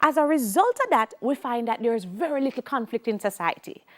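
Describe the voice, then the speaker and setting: A woman's voice: a little high, animated, fairly quick. A middle-aged woman with a Jamaican accent teaching a televised sociology lesson, emphatic and repeating key points, slipping into Creole phrases.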